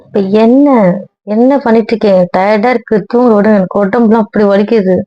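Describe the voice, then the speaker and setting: A woman's voice: a little high, a little fast, no room sound, highs cut off. A woman acting in an audio drama, sounding weary and sulky.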